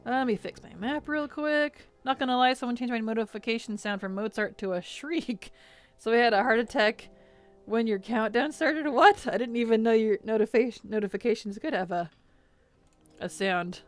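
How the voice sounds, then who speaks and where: A woman chats casually on a live stream, greeting viewers and laughing easily. She often drops to a mutter as she adjusts her settings, and soft music plays faintly behind her. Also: a little high, normal speed. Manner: chatty, laughs often, mutters to herself while fixing settings.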